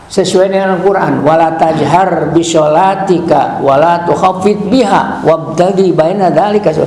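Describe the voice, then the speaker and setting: Animated man teaching in an echoey mosque hall. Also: sits high. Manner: addresses audience with frequent questions, animated. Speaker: umrah pilgrimage guide. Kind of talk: religious instruction talk. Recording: echoey hall, faint ambience.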